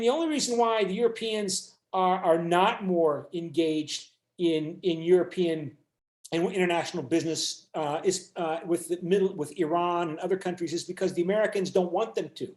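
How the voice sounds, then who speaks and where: A man's voice: high-pitched, a little mellow, reverberant. A man teaching an online university class, lecturing with many fillers and restarts over a video call. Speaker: university instructor.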